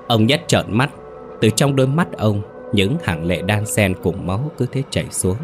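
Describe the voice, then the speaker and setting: A man's voice: on the low side, moderate pace, faint music behind. A man reading a horror story aloud in a grim, dramatic storytelling manner. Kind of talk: scripted narration.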